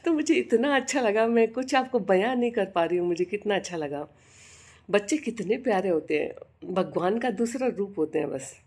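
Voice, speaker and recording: An older woman vlogging in casual chat, telling fond stories about her granddaughter and raising her pitch to imitate the child. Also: lively intonation, moderate pace, darkish tone.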